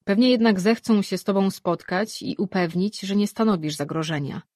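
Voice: medium pitch, moderate pace, a little mellow, dry recording, close to an everyday voice. A reader voicing Tamun, a spiteful-sounding old woman's mind voice, dry and teasing, in a fantasy audiobook.

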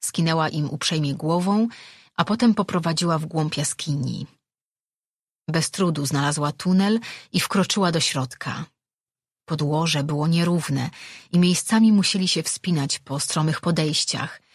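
A man reading a fantasy audiobook as narrator, in slow, measured scripted narration. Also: on the high side, slightly rough, no room sound, clean studio sound.

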